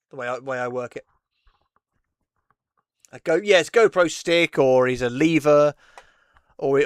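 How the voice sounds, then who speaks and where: A man's voice: mid-range voice, no echo, studio quality. A man hosting a casual chat, rambling and laughing often between thoughts. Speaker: host.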